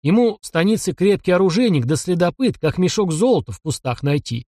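A man's voice: high voice, expressive, brisk, mellow, no echo, clean studio sound, pitched above the performer's own voice. A man doing a weary old village constable. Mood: grumbling. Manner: gruff, mutters and sighs. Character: stout older village constable, weary and grumbling.

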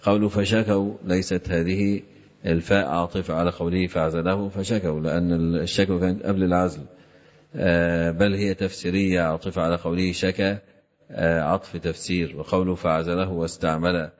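A man explains a classical text in a lesson, pausing on drawn-out "aah" fillers. His very deep voice stays almost monotone, and he talks at a brisk clip. The recording sounds slightly dull and lo-fi. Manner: frequent drawn-out "aah" fillers between phrases. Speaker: Islamic scholar teaching hadith commentary.

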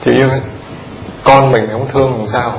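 A man with a medium-pitched, fairly even voice speaks at a normal speed while a crowd murmurs in the background. As a Buddhist monk addressing laypeople, he gives a conversational dharma talk, repeating words and questioning his listeners directly. The recording is lo-fi, roomy and dull, with the audience audible.

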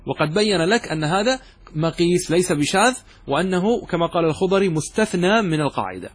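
Guy w a teaching grammar, husky voice kinda high, keeps asking the class questions. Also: expressive, a little fast. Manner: explains step by step, quizzing students with questions.

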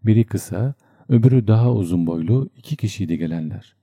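Deep, dark-voiced man reading a novel. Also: expressive, brisk, breathy edge, no room sound, studio quality. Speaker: audiobook narrator. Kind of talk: literary audiobook narration.

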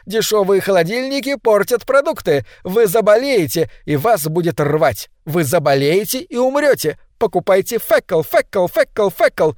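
A man voicing a mocking loudspeaker advertisement that shouts a jeering sales pitch. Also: lively intonation, moderate pace, dry recording, clean studio sound. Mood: frantic.

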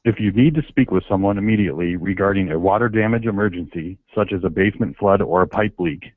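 A man's voice: low-pitched, fast talker. A man giving a formal, scripted recorded greeting for a business phone menu, heard over a landline phone. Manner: even, formal recorded announcement. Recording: narrow, dry phone-line sound.

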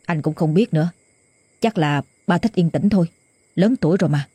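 A woman's voice: lowish voice, moderate pace, breathy edge, no echo. A woman voicing a kind, reassuring young husband. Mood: gentle. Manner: gentle, reassuring.

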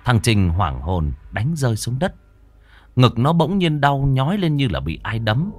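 A man narrating a ghost story with a dramatic, lively delivery. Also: medium pitch, measured pace.

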